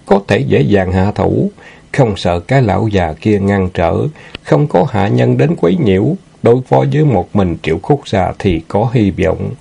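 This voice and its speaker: A man's voice: on the low side, expressive, moderate pace, gravelly, warm tone, breathy edge, heavily acted. A man voicing a hot-tempered young male hero in an audiobook, fierce and threatening. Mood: furious.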